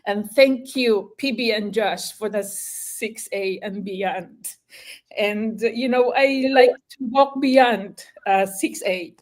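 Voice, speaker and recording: A woman's voice: medium pitch, slow pace. An older woman giving a shy, hesitant personal testimony with many fillers. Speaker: retired nurse giving a testimony.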